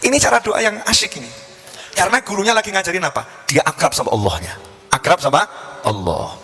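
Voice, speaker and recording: A man preaching a sermon in a mosque, telling stories in a lively, humorous way. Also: sits high, fast talker, faint music behind. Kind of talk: sermon with storytelling.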